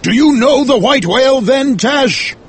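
Fierce high-pitched Captain Ahab, obsessed. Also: male voice, sing-song, measured pace, fairly bright tone, husky, full character voice. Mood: fierce, intense. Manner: roaring, intense, dramatic declaiming. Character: fierce, obsessed, vengeful whaling captain with an evil streak. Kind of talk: dramatized audiobook character voice.

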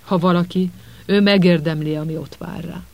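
A man's voice: high-pitched, fairly even intonation, vocal fry, darkish tone, no room sound. Guy reading as a panting determined teen boy, firm about it. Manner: breathless, firm.

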